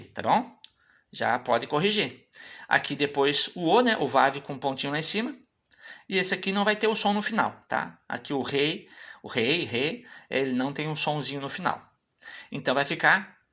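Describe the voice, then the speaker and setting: A Hebrew teacher giving an online lesson. The teacher walks through written examples, repeats sounds slowly and checks in with frequent tag questions. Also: mid-range voice, a bit bright.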